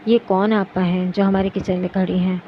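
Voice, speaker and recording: A woman's voice: mid-range voice, level tone, moderate pace, natural voice. A mischievous teenage boy who teases and hams it up, played by a woman reading a novel. The recording is dull and lo-fi, with background noise throughout. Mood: melodramatic. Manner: mocking, melodramatic.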